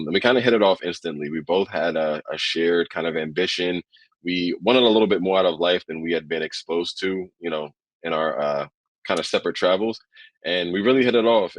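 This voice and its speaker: A young adult man from southern New Jersey, talking in a relaxed way as a podcast guest, with frequent ums. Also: sits low, no room sound. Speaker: podcast guest, business co-founder. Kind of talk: casual interview chat.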